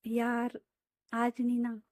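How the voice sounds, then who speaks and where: A woman's voice: on the high side, monotone, slow pace, a little mellow, no echo, clean studio sound. A woman voicing a shy young woman in love who scolds her partner in a coy way.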